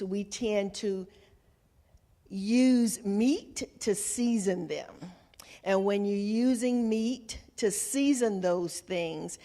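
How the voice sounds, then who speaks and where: A woman with a Southern American accent presents an informal nutrition workshop to a group in a folksy, conversational way, checking in with her listeners through questions. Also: mid-range voice. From Southern United States. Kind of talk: informal health talk to a group.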